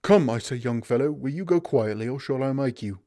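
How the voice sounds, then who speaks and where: A man's voice: medium pitch, expressive, brisk, dark tone, dry recording, clean studio sound, close to an everyday voice. A man voicing a polite, stammering palace policeman in a storybook reading. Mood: gruff. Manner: stammering, polite, then gruff.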